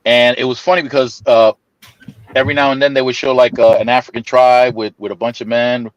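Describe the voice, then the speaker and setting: A man telling a long family story in casual chat, laughing often, stammering over restarts and jumping into high voices to mimic people. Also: level tone, fairly quick, no echo, dull audio.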